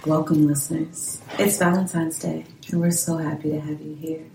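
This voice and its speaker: A woman voicing a sultry late-night radio hostess, low, soft and breathy. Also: flat delivery, normal speed, echoey room, background noise.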